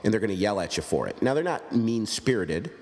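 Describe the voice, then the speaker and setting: A man with a low voice chats as a podcast host, rambling and cracking jokes at his own expense. His voice carries a long reverb tail. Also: big pitch swings, a little fast, a little mellow. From United States. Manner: joking, rambling, self-deprecating. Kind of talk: casual podcast chat.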